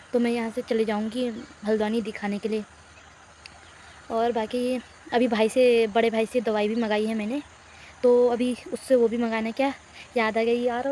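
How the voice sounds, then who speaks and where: A young woman with a fairly high voice, chatting to her viewers in a relaxed village vlog while nursing a cold. She talks straight into a phone outdoors, with faint insects and a light hiss behind her. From Uttarakhand hills, India. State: has a cold and sore throat. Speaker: village vlogger. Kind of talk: casual vlog chat.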